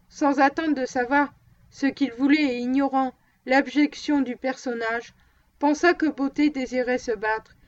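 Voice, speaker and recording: Woman, audiobook reader, steady even narration, high voice, muffled recording. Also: no room sound. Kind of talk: novel read aloud.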